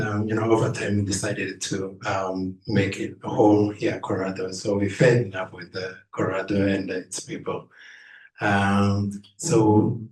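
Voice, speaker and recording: A man from Rwanda giving a presentation to a club meeting, halting with many pauses and fillers. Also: on the low side, a little mellow. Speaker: guest speaker at a club meeting. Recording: echoey room, mic from a distance.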